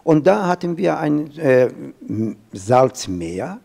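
A man in his fifties from Iran, speaking German with an Iranian accent on a panel, with halting restarts and fillers, holding a handheld mic. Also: a little high, big pitch swings, creaky, dark tone, slightly rough. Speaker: professor, panel guest. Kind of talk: panel discussion. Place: small event studio with glass wall.

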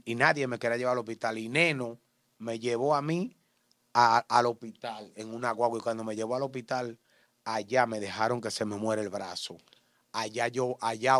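A man with a Dominican accent giving an interview testimony in street slang, acting out shouts and gunshots as he tells it. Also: mid-range voice, no room sound. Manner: animated, acts out shouts and gunshots.

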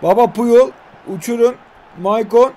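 A man in his twenties giving excitable live commentary on a mobile football game, full of slangy banter and sudden shouts. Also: very high voice, a little slow. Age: 20s.

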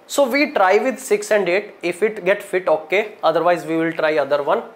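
A male teacher with a North Indian accent and a distinctly high voice works through exam problems. He speaks in short instructional chunks, repeating key items and stressing them as he goes. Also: normal speed. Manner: instructional, short broken phrases with repetition and emphasis. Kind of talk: classroom lesson, solving problems step by step. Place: indoor teaching studio in front of a digital board.

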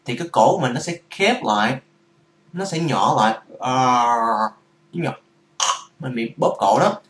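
A man's voice: mid-range voice, animated, normal speed, roomy sound. A man giving a casual vlog lesson on English pronunciation, patiently explaining and repeating each sound to demonstrate it.

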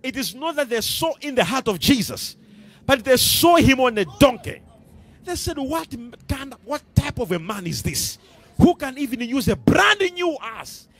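High-voiced, emphatic Malawian preacher. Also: male voice, big pitch swings, moderate pace, a bit bright. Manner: emphatic, repeats phrases, walks the stage while preaching. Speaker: pastor. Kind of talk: sermon. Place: church stage with a congregation. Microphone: handheld mic.

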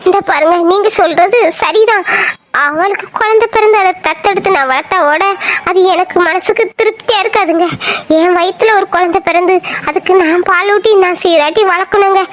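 A woman voicing a crying young married wife in an animated family drama, pleading and longing for a child. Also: extremely high pitch, brisk. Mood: tearful pleading. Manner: pleading, repeats "enna-nga" often.

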